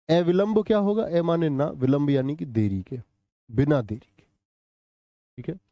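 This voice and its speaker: A man's voice: fairly high pitch, warm tone, no echo, dull audio. Male Hindi teacher, dry close mic. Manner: quizzes students with repeated questions, answers live chat. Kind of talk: live online exam-prep lesson.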